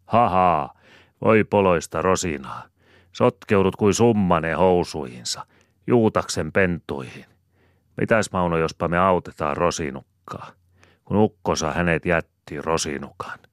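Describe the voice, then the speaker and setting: A man's voice: deep voice, a bit bright, dry recording, clean studio sound. A man voicing a mocking village woman who teases with laughing jibes.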